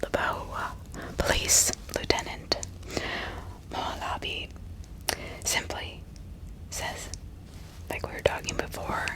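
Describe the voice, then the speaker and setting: Slowly and with frequent pauses, a woman narrates true crime ASMR-style. As host, she uses a breathy, unvoiced whisper and tells each story with sympathetic drama.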